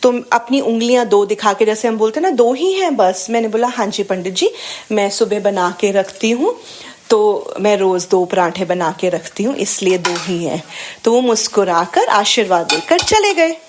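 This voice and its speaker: A woman's voice: mid-range voice, moderate pace, background noise. A woman telling her own devotional experience in an earnest, storytelling way, often mixing in English phrases. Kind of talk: personal testimony at a satsang.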